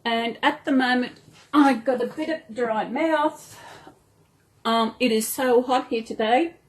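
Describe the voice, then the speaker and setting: Indoors at home, an Australian woman rambles warmly in a casual vlog for her doll storytime channel, talking to viewers and chatting to her dolls and toys as though they're living. Her voice is a little high and slow-paced, and the recording is rough.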